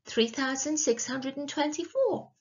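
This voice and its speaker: A woman's voice: sits high, lively intonation, a little slow, dull audio, pitched above the performer's own voice. A woman voicing a cold, scornful, miserly witch in a storybook, speaking in a curt, imperious way. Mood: dismissive, curt.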